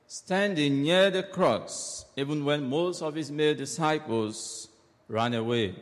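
A man reading scripture and preaching at Mass, with a somewhat high voice and a slow, solemn, deliberate pace. His words ring out in a long cathedral echo that trails behind each phrase. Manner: slow, measured, solemn delivery. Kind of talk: gospel reading and homily. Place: large church. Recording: long echoing church reverb.

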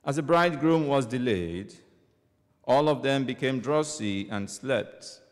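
Speaking in a mid-range, expressive voice, a priest reads from the gospel and gives a homily in a measured, deliberate manner. A long echo carries his voice through the large church.

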